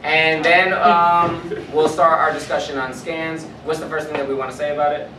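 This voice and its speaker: A man hosting a podcast, rambling through a rough rehearsal and telling the others what to say, with lots of fillers. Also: on the high side, flat delivery, normal speed. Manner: rambling, giving directions with fillers. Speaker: podcast host. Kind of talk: casual rehearsal chat. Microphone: far camera mic. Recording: roomy, distant camera mic with loud noise.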